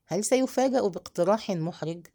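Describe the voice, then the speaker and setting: A woman narrating a novel as an audiobook, reading in an expressive, measured storytelling manner. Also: mid-range voice.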